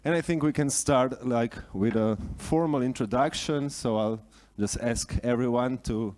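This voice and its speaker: A man from Slovenia moderating a conference panel in a relaxed, informal way, with frequent fillers. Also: medium pitch, measured pace. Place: conference stage.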